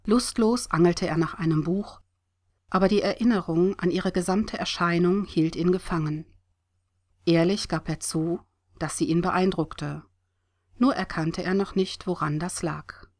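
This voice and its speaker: Low-voiced woman audiobook narrator. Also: a little slow.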